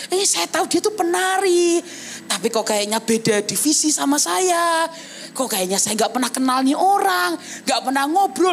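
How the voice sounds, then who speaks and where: A young adult woman evangelist giving a sermon at a church service. She tells her own story in a vivid, animated way and keeps turning to address the congregation. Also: sits high, slight background noise. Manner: animated storytelling, often addressing listeners as brothers and sisters. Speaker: evangelist preacher. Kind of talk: testimony sermon.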